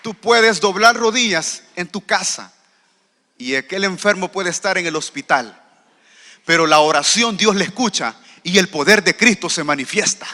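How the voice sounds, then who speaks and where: A man's voice: high-pitched, moderate pace, sharp tone, long reverb tail. A man preaching a sermon as pastor, asking the congregation rhetorical questions. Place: church.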